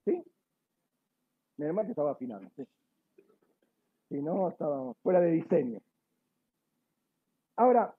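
A man's voice: sits high, breathy edge. A man teaching a sermon, explaining words one by one, correcting himself often and checking with his listeners. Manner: frequent self-corrections and apologies. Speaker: Bible teacher. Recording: tinny phone-like audio.

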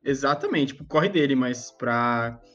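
A young Brazilian man chats casually in a mid-range voice. He is slangy and emphatic, repeating words, on a slightly muffled recording with soft music behind. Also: mid-range voice, lively intonation, unhurried. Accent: Brazilian Portuguese. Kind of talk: casual chat.

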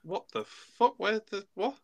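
A man's voice: sits high, animated, a little slow, vocal fry, a crowd in the background. A man, a guest co-host in casual podcast chat, sarcastic and swearing a lot.

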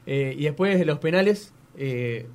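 A man's voice: a little high, animated, unhurried, darkish tone. An Argentine man hosting a chat about football, eagerly firing off questions. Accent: Argentine Spanish. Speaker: host interviewer. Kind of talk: casual chat.

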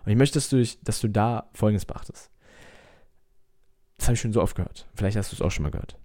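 Male self-help coach, mellow and lowish, American accent in German, emphatic direct address. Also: fast, no room sound, studio quality. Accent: American-tinged German. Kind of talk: motivational talk to viewers.

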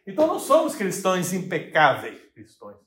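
A man's voice: high-pitched, huge pitch swings, brisk, fairly bright tone. A male pastor with a Brazilian Portuguese accent, teaching a Bible study in a chatty way and asking his congregation questions. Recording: echoey church hall.

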